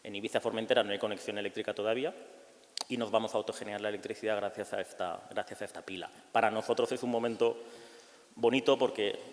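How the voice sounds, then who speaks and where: A man speaking on a panel in a halting way, often repeating words mid-phrase. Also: on the low side. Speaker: panelist, ferry company representative. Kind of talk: panel presentation. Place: university conference hall. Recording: long reverb in a lecture hall.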